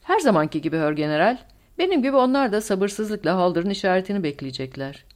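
A woman's voice: mid-range voice, very animated, quick pace, close to an everyday voice. A woman voicing a stern, commanding male German colonel who barks orders. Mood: confident. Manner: barking orders.

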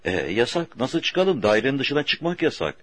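A man's voice: medium pitch, big pitch swings, moderate pace, fairly bright tone, dry recording, pitched above the performer's own voice. A man reading an audiobook, voicing an insistent, exasperated woman artist who recounts a dream.

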